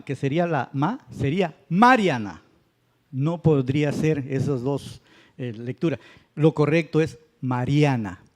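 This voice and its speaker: A man's voice: on the high side, mellow. A man teaching a Spanish grammar class, patient and checking understanding with tag questions. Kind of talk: classroom lecture. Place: church classroom.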